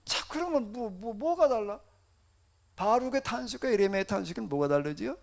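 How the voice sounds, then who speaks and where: Gravelly, animated male pastor preaching. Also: sits high, moderate pace. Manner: conversational preaching with rhetorical questions and acted-out laments. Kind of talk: sermon.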